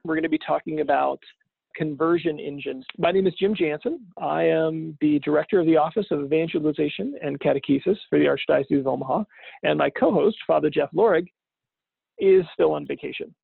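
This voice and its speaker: A man hosting a podcast in a casual introduction, sounding distant from the mic, with a gravelly, husky voice. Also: a little high, brisk, no echo. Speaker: podcast host. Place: at home, remote from the studio. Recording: thin phone-like, distant-sounding home recording.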